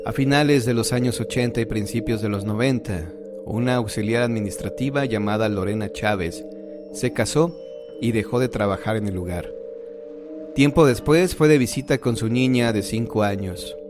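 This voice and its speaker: A man narrating horror stories in a measured, scripted storytelling manner. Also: fairly low pitch. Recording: faint music behind the voice.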